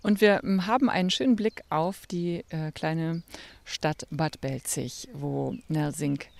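Calm female interviewer, mellow lower voice, steering gently with tag questions, outside in nature. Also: slow pace, vocal fry. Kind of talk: radio interview. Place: outdoors among trees and grass.

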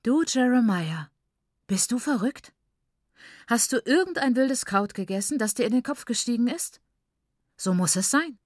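A woman reading an audiobook, voicing a distraught mother who accuses her husband in a shrill, raised voice, recorded dry. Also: animated, normal speed, pauses often, no echo. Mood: outraged. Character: distraught mother, furious with grief.

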